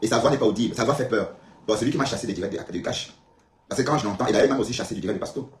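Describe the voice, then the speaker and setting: On a live stream, a man from Cameroon talks very fast in a fairly low voice, answering comments in a casual, emphatic way. He repeats himself and speaks directly to viewers from an echoey room with faint background ambience.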